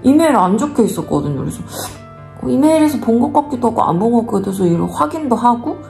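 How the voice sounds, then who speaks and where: A woman's voice: a little high, fast talker, vocal fry, soft background music. Korean woman telling a personal story. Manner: animated, acts out dialogue in quotes. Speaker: vlogger.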